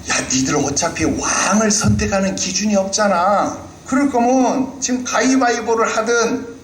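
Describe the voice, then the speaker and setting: A preacher acting out a jeering giant warrior. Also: male voice, on the high side. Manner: jeering, mocking, calling the listeners fools and slaves. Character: taunting giant male warrior, scornful and boastful. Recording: roomy hall with faint room noise.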